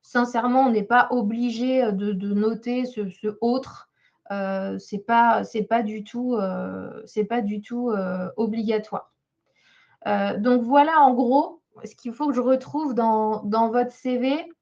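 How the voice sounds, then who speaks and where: Woman job coach reviewing a CV in a webinar, talking hesitantly with many fillers, a fairly high voice, and a muffled lo-fi sound. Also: slow, a little mellow. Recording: slightly dull lo-fi sound.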